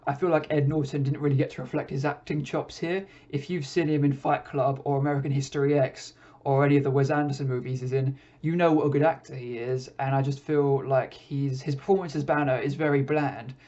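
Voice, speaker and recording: Mellow flat-voiced man reviewing films. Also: mid-range voice, brisk, hardly any pauses. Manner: relaxed, conversational, hesitant with frequent "uh". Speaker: podcast host reviewing films. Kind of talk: casual film review monologue. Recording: dull lo-fi recording.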